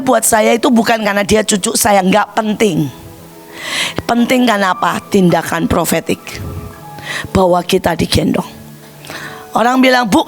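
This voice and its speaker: An older woman evangelist preaching a sermon, impassioned, breaking into shouts and addressing the congregation again and again. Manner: high-pitched exclamations with wide swings.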